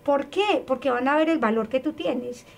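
A woman guest telling a personal story in a conversation, animated and emphatic, repeating phrases for emphasis. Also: high voice, moderate pace, gravelly.

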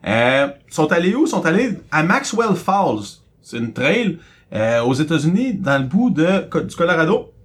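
Animated Quebec French podcast co-host. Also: male voice, on the high side. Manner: animated storyteller, rising questions, quick asides. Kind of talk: casual podcast chat, storytelling.

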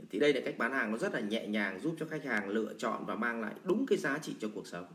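A man's voice: mid-range voice, expressive, fast, fairly bright tone. A man teaching sales in a blunt, colloquial lecture full of everyday examples. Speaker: sales trainer. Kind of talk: lecture answering a viewer question. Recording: roomy echo.

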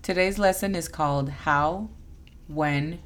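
A woman hosting a bilingual English-lesson podcast as the teacher, explaining words and spelling out their pronunciation slowly and carefully. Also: sits low, heavy background noise.

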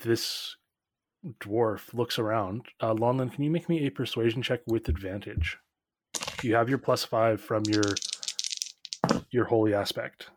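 A man's voice: mid-range voice, a little slow, long pauses. A man narrating as game master in a tabletop game, casual, with lots of fillers.

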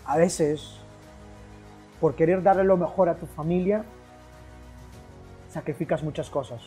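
High-pitched, emphatic motivational speaker. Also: male voice, measured pace, mellow, faint music behind. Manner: emphatic, repetitive rhetorical questions. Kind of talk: motivational speech.

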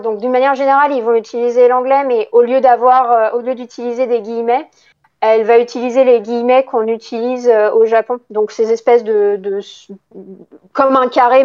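A woman's voice: a little high, a little mellow, muffled recording. A woman co-hosting a casual book podcast, explaining at length with many hesitations. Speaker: podcast co-host. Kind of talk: casual chat about books.

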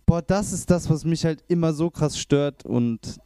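Smooth-voiced man with a dark tone. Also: a little high, unhurried, no echo, studio quality. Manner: hesitant, restarts, colloquial youth slang. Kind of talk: casual music review chat.

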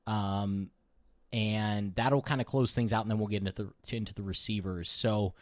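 A man hosting a casual sports podcast, relaxed and chatty, sometimes talking while eating. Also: on the low side, moderate pace, no room sound, clean studio sound. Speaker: podcast host.

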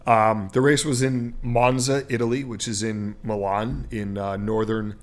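A man's voice: fairly low pitch, little pitch movement, unhurried. Chatty male sports podcast host. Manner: explains at length with many fillers. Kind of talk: casual sports chat.

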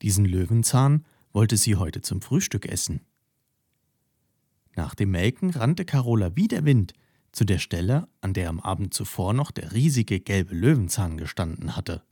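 A man narrating a children's story in an expressive storytelling way. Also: on the low side, moderate pace, slightly rough, no echo, clean studio sound.

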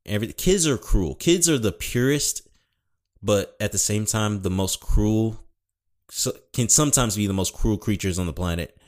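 A man's voice: lowish voice, lively intonation, moderate pace. A young man talking casually and rambling, swearing often and correcting himself, with a mild speech impediment. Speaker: podcast host. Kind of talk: casual solo talk.

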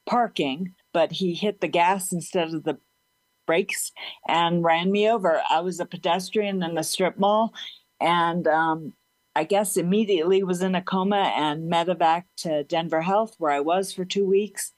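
A woman's voice: on the low side, fairly even intonation, measured pace, dry recording, poor audio. A woman speaking as an interview guest in a casual conversational way, open and chatty, with a slight slur and a tendency to laugh. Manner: slight slur in her speech. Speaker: interview guest, support group leader.

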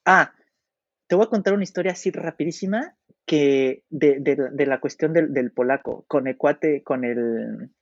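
Hesitant Mexican man, slightly high voice. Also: unhurried, dry recording, muffled recording. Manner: hesitant, full of fillers and restarts; animated when telling anecdotes. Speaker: podcast guest. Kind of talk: casual storytelling chat.

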